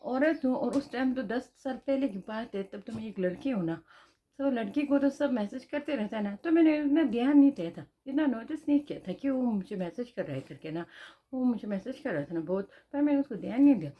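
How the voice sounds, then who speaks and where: A Tibetan woman with a Tibetan accent shares a personal story in a chatty vlog, repeating phrases and adding tag questions. Her voice sits on the high side with lively intonation, and she talks a little fast. The audio sounds dull.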